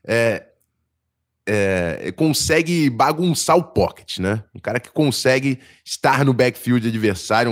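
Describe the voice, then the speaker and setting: A Brazilian man hosting a casual sports podcast in informal, halting, slangy talk, his voice slightly strained and failing. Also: mid-range voice. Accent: Brazilian Portuguese. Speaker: podcast host.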